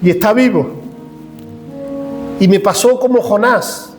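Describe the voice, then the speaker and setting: A man's voice: high-pitched, measured pace, faint music behind. A man preaching a fervent personal testimony as a pastor, speaking straight to his congregation. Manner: fervent, dramatic, addresses congregation directly. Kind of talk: sermon testimony. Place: church.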